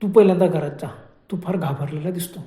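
A man doing Suresh, a calm reassuring friend. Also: a little high, fast, reverberant, lightly acted.

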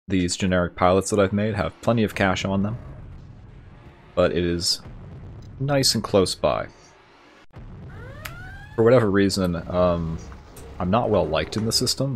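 A man hosting a let's play, commenting and reading the game's story text aloud in a relaxed way. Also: deep voice, moderate pace, long pauses, a little hiss or hum. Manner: relaxed, reads narration at an even clip.

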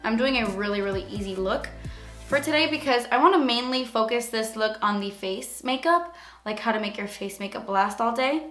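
A woman with a raspy voice today, casually talking through a makeup tutorial in a chatty way full of fillers. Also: fairly high pitch, normal speed, a bit bright, echoey room, soft background music. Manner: chatty, filler-heavy, frequent "like". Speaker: beauty vlogger.

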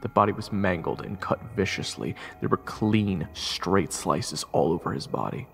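A man with a low, fry-edged voice speaks at a moderate pace, both narrating a fantasy audio drama and playing its lead, a curious, compassionate young army private. His tone is grave, and the recording is reverberant with music underneath.

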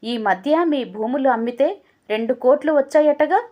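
A woman voicing a plain-spoken male driver who talks in a hushed, matter-of-fact way. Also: sits high, moderate pace, muffled recording, pitched above the performer's own voice, close to an everyday voice.

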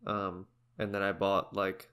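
Young man, podcast co-host, casual rambling chat, lowish voice. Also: measured pace, smooth. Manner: rambling, relaxed, many fillers.

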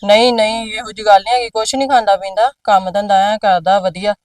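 A woman's voice: medium pitch, fairly even intonation, quick pace, darkish tone, no echo, distant mic, close to an everyday voice. A woman playing a domineering, scheming mother in a drama who scolds her elderly mother sharply, recorded dry and a little away from the mic. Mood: sweet-talking. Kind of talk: amateur drama acting.

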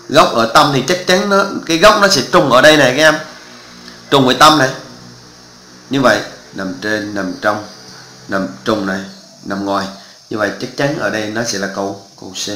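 A man's voice: lowish voice, bright, forceful tone, roomy sound, poor audio. A male math teacher, walking through exam answers step by step and often checking that students follow. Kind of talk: exam walkthrough lesson.

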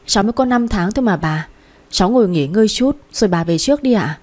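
Young pregnant wife, timid and pleading, voiced by a female narrator; warm tone. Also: mid-range voice, lively intonation, fast talker, lightly acted. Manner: soft, coaxing.

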